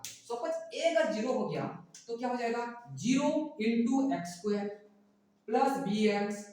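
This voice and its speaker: A man's voice: very high-pitched, a little mellow. A male maths teacher giving a whiteboard lesson, who keeps asking questions and then answering them himself. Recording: very echoey room, far from the mic.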